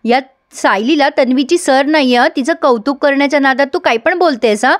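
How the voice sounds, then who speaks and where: Brief: woman reading a jealous, grumbling young woman from a serial, high-pitched. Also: fairly quick, close to an everyday voice. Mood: scornful. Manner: grumbling, scornful. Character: sharp-tongued young woman, jealous, complaining.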